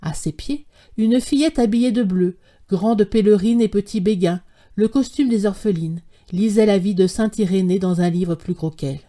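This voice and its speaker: Woman, audiobook narrator, mellow warm tone, measured literary reading. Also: medium pitch.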